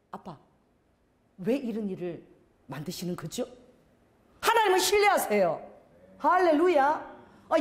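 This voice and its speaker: A woman's voice: high voice, reverberant. A middle-aged woman pastor preaching a sermon, telling a story with lots of drama and acting out the scenes. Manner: animated, dramatic storyteller who acts out scenes.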